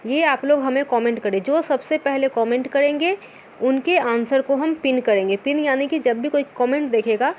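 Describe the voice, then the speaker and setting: A woman with a high voice teaches an exam-prep lesson. She poses her own questions and answers them, mixing in English terms. Faint noise hums behind her. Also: moderate pace. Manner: mixes English words into her talk.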